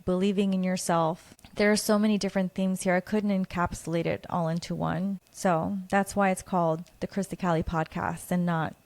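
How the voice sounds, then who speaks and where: A woman's voice: lowish voice, fairly even intonation, moderate pace, hardly any pauses, darkish tone, no room sound. A woman from Guatemala hosting her own podcast, talking in an earnest, reflective and openly personal way. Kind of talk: personal solo monologue.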